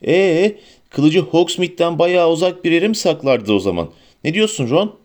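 A man's voice: a little high, animated, moderate pace, darkish tone, voice pushed up, close to an everyday voice. Man voicing teenage boy hero, determined, urgent, direct, storybook reading.

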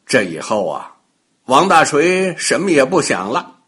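An older man narrating a bedtime story for children in a lively, playful way, talking to the kids directly. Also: medium pitch, measured pace, breathy edge.

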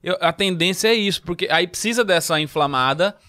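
A man from Brazil chatting casually on a podcast. He talks in slang with lively swings, his voice sitting a little high. He often trails off and restarts his sentences. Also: fairly quick. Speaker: podcast host. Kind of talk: casual chat.

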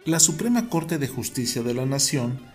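A man hosting a radio commentary show, greeting listeners and quoting in a measured, formal way. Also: mid-range voice, expressive, faint music behind.

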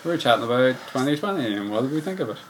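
A man's voice: mid-range voice, expressive, rapid-fire, background noise. A man co-hosting a podcast, chatting casually and rambling, laughing often. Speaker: podcast co-host. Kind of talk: casual chat on a live stream.

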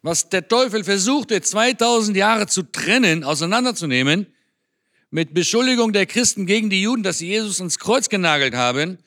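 A man's voice: high-pitched, expressive, moderate pace, a bit bright. A German-born man giving an earnest, conversational sermon in a church. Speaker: speaker on Israel at a church.

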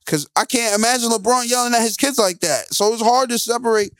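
A man co-hosting a movie review show, talking in loose, animated banter and acting out scenes as he recaps. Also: very high voice, brisk, dry recording. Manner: animated, laughs loudly, acts out scenes. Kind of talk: casual banter.

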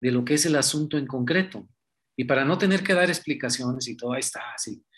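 A man's voice: mid-range voice, fast talker, fairly bright tone. A man from Mexico giving casual political commentary, conversational and full of rhetorical questions.

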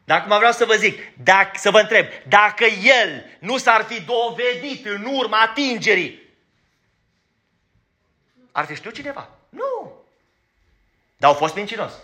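Bright-voiced emphatic male preacher. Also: high voice, expressive. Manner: emphatic, questions the congregation directly; stumbles when rushing. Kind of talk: sermon. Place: church.

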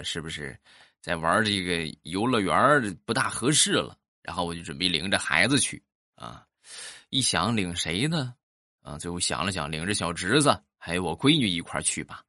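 A man, telling comic family anecdotes in an animated way. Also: low voice, no echo, studio quality. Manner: animated, acts out voices. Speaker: comic storyteller.

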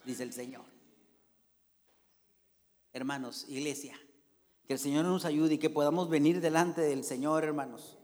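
A man preaching a fervent sermon as a pastor, calling his congregation "brothers" after nearly every phrase. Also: a little high. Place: church. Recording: long reverb of a church hall.

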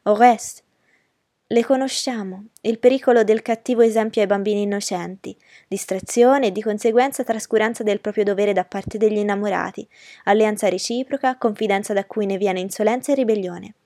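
A woman's voice: mid-range voice, steady tone, fairly quick, warm tone, dry recording, studio quality, close to an everyday voice. A woman reading aloud and voicing a proud, mocking young noblewoman who talks in a commanding, scornful way. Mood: haughty. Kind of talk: audiobook character reading.

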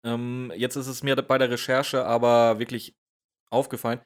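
A man with a mid-range voice chats on a podcast in a relaxed, joking way. He cuts in often and stumbles over little fillers as he talks. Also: medium pitch, normal speed. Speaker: podcast co-host. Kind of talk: casual chat recapping a radio play episode.

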